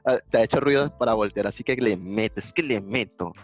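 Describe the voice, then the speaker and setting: A man's voice: fairly low pitch, fairly quick, lo-fi sound, faint music behind. A man hosting a casual chat, playfully teasing the others and prodding them with questions.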